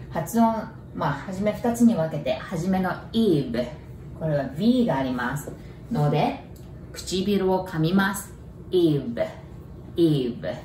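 A woman guides listeners through a language lesson, speaking slowly and repeating each word in careful drills. Her voice sits a little low and comes from some distance off the mic, in an echoey room with faint noise underneath. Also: dark tone. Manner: slow, careful pronunciation drills with repeated words. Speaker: English teacher.

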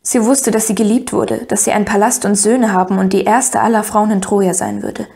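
A woman narrating a first-person audiobook in an even storytelling manner. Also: mid-range voice, a little fast, creaky.

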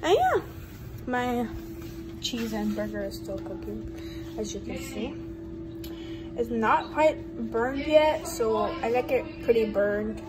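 A woman's voice: fairly high pitch, lively intonation, slow pace, pauses often, music in the background, poor audio. A teenage girl vlogging casually in her home kitchen, rambling and chatty with lots of fillers, filmed on a handheld phone. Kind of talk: casual cooking vlog. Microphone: handheld phone camera. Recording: loud appliance noise behind.

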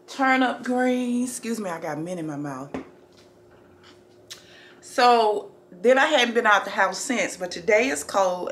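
A woman chatting casually to her viewers in a home vlog, calling them family and y'all. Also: mid-range voice. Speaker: vlogger. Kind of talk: casual vlog chat to camera. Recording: echoey room, faint background noise.

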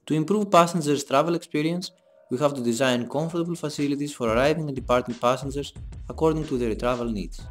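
A young man giving a scripted voice-over for a design presentation, in a measured, explanatory read. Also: fairly high pitch. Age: young adult. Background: soft background music.

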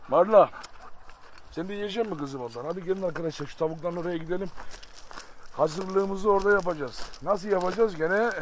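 Male farm vlogger, animated pitch, fond coaxing then sharp scolding, outdoors with faint noise and birds behind him. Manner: coaxing pet talk, scolding outbursts. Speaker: vlogger feeding his animals. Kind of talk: casual farm vlog chat to viewers. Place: outdoors by a chicken coop. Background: rooster and chickens, birds.

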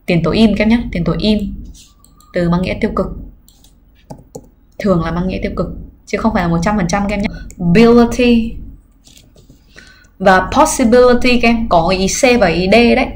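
A woman English teacher giving a livestreamed exam review lesson, explaining patiently and pausing on filler sounds. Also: mid-range voice, a little mellow, a little hiss or hum. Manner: explains patiently, often adds "các em" and "nhá"; frequent filler hesitations. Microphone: computer mic during livestream.

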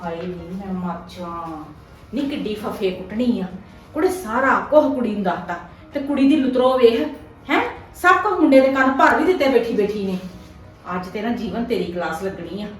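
A woman's voice: very high-pitched, a little fast, fairly bright tone, soft background music. A woman playing a scheming, aggrieved middle-aged mother in a family skit, complaining and lamenting dramatically like a Punjabi aunty, with a Punjabi accent. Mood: muttering, worried. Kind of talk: amateur family skit acting. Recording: very echoey room, distant microphone.

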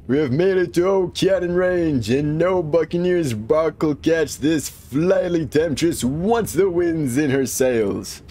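A man's voice: a little high, animated, takes it slowly, hardly any pauses, dark tone, pitched above the performer's own voice. A man voicing an eloquent, theatrical male traveler, reading game lines in a florid, declamatory way. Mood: grand. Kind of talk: reading game dialogue aloud in character.

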